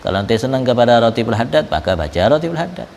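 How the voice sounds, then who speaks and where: A man teaching a Ramadan religious lesson in a conversational storytelling manner. His voice sits at an ordinary middle pitch. It carries a long reverb from the hall around him. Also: big pitch swings, quick pace, gravelly, darkish tone. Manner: conversational storytelling, mixing in Arabic-derived pronouns.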